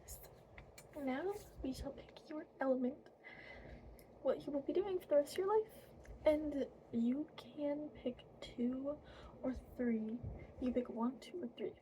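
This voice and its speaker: A high, breathy woman's voice in an ASMR role-play as she acts out a friendly, apologetic fairy. She takes her time, pausing hesitantly between casual phrases. Noticeable noise sits behind the soft delivery. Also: rough recording. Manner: hesitant, informal, many trailing pauses. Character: friendly, apologetic young fairy guiding a newly hatched fairy. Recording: clearly audible background noise.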